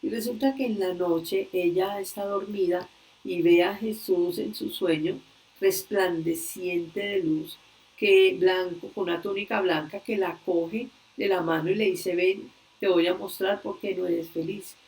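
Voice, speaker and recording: A woman leading a religious workshop, earnestly retelling a story slowly and with frequent hesitations over a video call. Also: lowish voice, steady tone, darkish tone. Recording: distant video-call audio.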